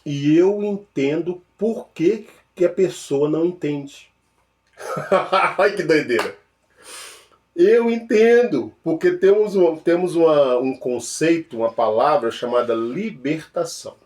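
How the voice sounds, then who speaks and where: A man with a Mineiro Brazilian accent talks through spiritual ideas in a loose, conversational way. His voice sits fairly high and swings widely, from excited bursts to quiet murmured repetitions. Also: slow. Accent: Mineiro Brazilian Portuguese. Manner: animated, playful, with exclamations and soft murmured repetitions. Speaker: spiritual speaker. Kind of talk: informal teaching monologue.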